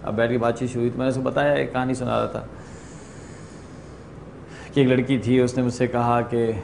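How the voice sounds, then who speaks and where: A middle-aged Pakistani man leads a workshop in a training room, giving a lively lecture to a group. He tells stories animatedly, acts out quoted exchanges, and slips into English phrases. His mid-range voice is gravelly, with slight background noise.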